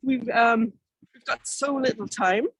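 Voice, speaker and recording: Irish woman, higher-pitched, speaking informally. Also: a little slow, breathy edge, dry recording, low-quality recording. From Ireland. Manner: hesitant, self-correcting, rambling delivery. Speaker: keynote speaker, artist and activist. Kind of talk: informal conversational keynote talk.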